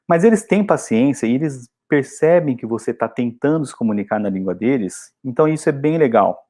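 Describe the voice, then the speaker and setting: A Brazilian man who teaches English chats with his students in a casual video lesson, sounding encouraging and warm. His voice sits in a typical male middle range, and his pitch jumps and drops a lot as he talks briskly and expressively.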